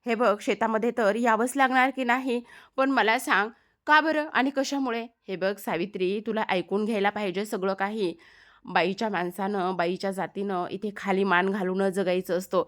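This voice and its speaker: A woman's voice: medium pitch, fairly even intonation, normal speed, a bit bright, lightly acted. A woman voicing a stern, traditional village mother who speaks firmly and scolds. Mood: lecturing. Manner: firm, scolding.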